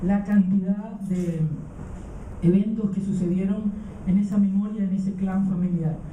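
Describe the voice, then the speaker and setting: A man's voice: high voice, steady tone, measured pace, mellow, a little hiss or hum. Hesitant man speaking in a roomy hall. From Canary Islands, raised in Venezuela. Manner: hesitant, many fillers and restarts. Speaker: conference speaker. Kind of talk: live conference talk. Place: conference hall. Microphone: handheld mic held away from the mouth. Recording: roomy hall, distant mic, dull sound.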